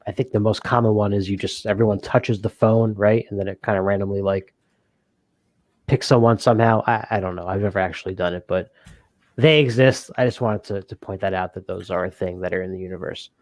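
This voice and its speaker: A man's voice: on the low side, fairly even intonation, brisk, no echo. A man co-hosting a casual board game podcast, rambling with many fillers and frequent laughs. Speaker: podcast co-host. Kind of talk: casual chat.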